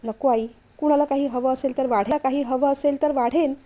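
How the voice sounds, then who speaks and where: A woman reads out a modest young wife, shy and quick to protest. The high, mellow voice has a gentle storybook lilt. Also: steady tone, natural voice. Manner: pleading, flustered. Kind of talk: storytelling read-aloud.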